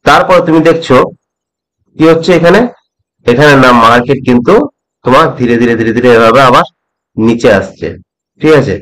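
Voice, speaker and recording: Man, middle-aged, slow patient tutorial, repeats himself, checks understanding often. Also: mid-range voice, a bit bright, rough recording. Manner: slow, repeats points, asks "ঠিক আছে?" often. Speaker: trading teacher.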